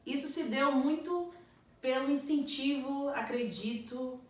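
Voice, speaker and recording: A woman's voice: high-pitched, measured pace. A woman in her thirties from Northeast Brazil, giving an earnest, reflective personal testimonial about her career in computing. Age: 30s. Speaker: computer science graduate. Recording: echoey room, distant mic.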